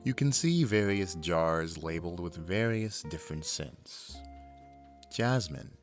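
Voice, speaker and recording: A man narrates an ASMR sleep story in a soothing, unhurried way, guiding the listener along. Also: low voice, lively intonation, soft background music.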